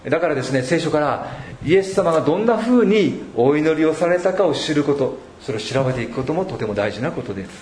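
A man preaching a sermon as pastor, measured and reflective, pausing often between thoughts. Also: fairly high pitch, expressive, darkish tone, a little hiss or hum. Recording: echoey room.

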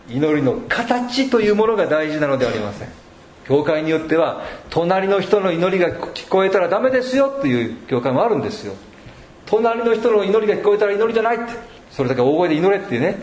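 A man preaching a sermon as pastor, measured and reflective, pausing often between thoughts. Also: fairly high pitch, a little mellow, slight background noise. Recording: echoey room.

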